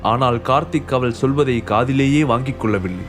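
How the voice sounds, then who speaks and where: A man narrating a dramatic audio story in steady scripted narration. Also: medium pitch, moderate pace, faint music behind.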